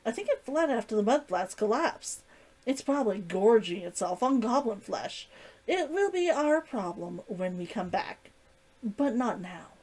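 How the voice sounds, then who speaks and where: A woman's voice: on the high side, very animated, measured pace, a little mellow, poor audio. A woman voicing a confident, blunt and coy female hunter in a story reading. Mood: dismissive, assured. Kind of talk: acted dialogue in a story reading.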